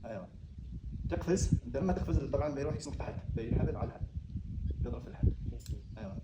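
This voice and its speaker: A man's voice: medium pitch, lively intonation, very fast, dull audio. An Omani man working as an adventure guide, giving casual, practical instructions outdoors. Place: outdoors among rocks at a cave. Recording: distant mic with faint outdoor noise.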